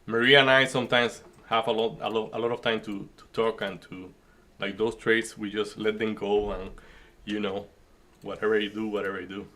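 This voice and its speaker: A day trading streamer host from the Dominican Republic, a native Spanish speaker with a Dominican Spanish accent, talks in a lowish, bright, forward voice with fairly even intonation at a moderate pace. He chats loosely and jokingly while calling trades, often breaking off and restarting sentences, in casual live-stream chat and market commentary.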